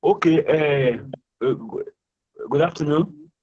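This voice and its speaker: A man's voice: a little high, expressive, slow, darkish tone, breathy edge. A man presenting in an online training session, his call dropping out as he hesitantly repeats his greetings to check he is heard. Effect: call dropping out, voice cutting in and out. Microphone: video call. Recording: dull lo-fi online call line.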